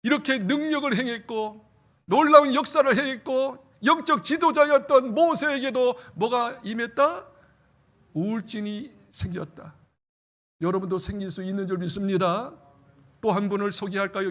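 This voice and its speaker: A male pastor with a notably high, bright, ringing voice preaches with animation. He keeps asking the congregation questions, then answers them himself and calls for amens. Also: normal speed. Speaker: senior pastor. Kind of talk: sermon. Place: church sanctuary.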